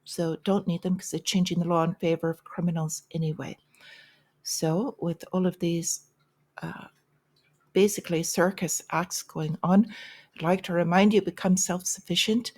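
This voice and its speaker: Opinionated woman, low voice. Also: flat delivery, moderate pace, a little mellow. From United States. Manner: opinionated, sarcastic asides, many fillers. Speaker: market commentary host. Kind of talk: solo news commentary.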